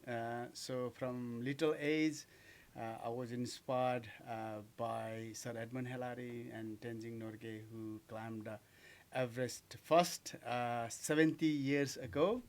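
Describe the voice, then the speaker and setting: A man's voice: mid-range voice, steady tone, takes it slowly. Nepali-accented man, hesitant and earnest. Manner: hesitant, many "uh" and "um", simple phrasing. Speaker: guest, mountaineer. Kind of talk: interview answers. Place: radio studio.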